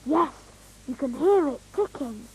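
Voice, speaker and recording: A woman's voice: high-pitched, lively intonation, unhurried, poor audio. A woman voicing a cheerful, proud young elf boy in a children's cartoon, earnest and childlike. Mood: cheerful, eager.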